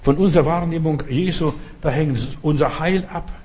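Husky preacher delivering a fervent, exhorting sermon in a fairly high voice. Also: male voice, moderate pace, darkish tone. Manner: fervent, exhorting, repetitive appeals.

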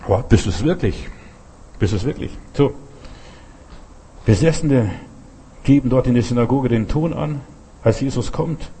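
An older man delivers a fervent sermon in a husky, breathy voice at a middle pitch. He repeats his phrases for emphasis and keeps asking his listeners whether they follow him. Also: measured pace, long pauses, dark tone. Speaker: Pentecostal preacher.

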